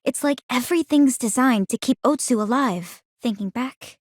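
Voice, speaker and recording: An actress voices a young woman strategist in scripted video game dialogue, composed and confident, with formal word choices and measured, articulate delivery. Her natural voice is somewhat high yet darkish in tone. There's no room sound, leaving it very dry.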